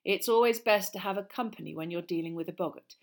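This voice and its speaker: A calm, encouraging male professor of magic , acted out by a woman reader. He explains in a measured, teacherly way, as in an audiobook story, at a middling pitch. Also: close to an everyday voice. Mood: instructive.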